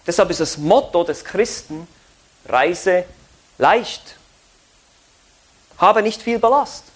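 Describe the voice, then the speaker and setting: A man's voice: sits high, expressive, moderate pace. A pastor preaching a sermon, earnest and asking his listeners many searching questions.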